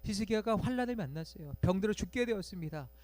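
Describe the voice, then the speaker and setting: A man preaching a sermon in church, going from quiet, low passages to loud, pleading cries and acting out voices in the story. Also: animated, fast, no echo, faint music behind. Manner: dramatic, swings from soft to loud cries, acts out voices of crowd and bystanders. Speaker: pastor. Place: church sanctuary.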